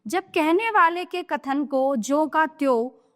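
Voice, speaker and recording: A woman with a high, light voice gives a grammar lesson to young children. She explains patiently, repeats her examples and checks in with the class as she goes. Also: animated, slow pace. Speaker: teacher.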